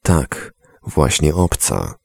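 A man voicing a worried young mother who speaks softly and helplessly in a storybook reading. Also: very deep voice, very animated, extremely slow, creaky, husky, dry recording, full character voice. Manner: hushed, helpless.

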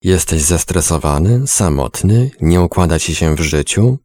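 A man's voice: sits low, expressive, normal speed, darkish tone, dry recording. A man voicing a chirpy female TV presenter selling a festival in a storybook reading. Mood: salesy. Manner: chirping, salesy.

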